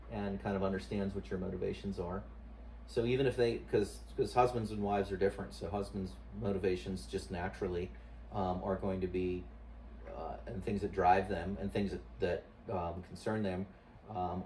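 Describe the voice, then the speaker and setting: A man answering interview questions casually as a husband, haltingly searching for words and repeating himself. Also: sits low, mellow. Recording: distant mic, noisy room ambience.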